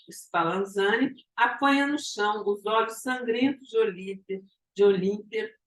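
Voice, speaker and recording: A woman's voice: mid-range voice, fairly bright tone. A woman giving a lecture, retelling a story with frequent tag questions and restarts. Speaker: psychoanalysis lecturer. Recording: echoey room.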